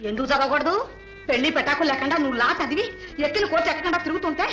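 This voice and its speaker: A woman's voice: sits high, racing, natural voice. An actress playing a worried mother who nags and reproaches her family, over film music. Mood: nagging. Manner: reproachful, nagging. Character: worried mother, sharp-tongued. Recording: film soundtrack with faint music.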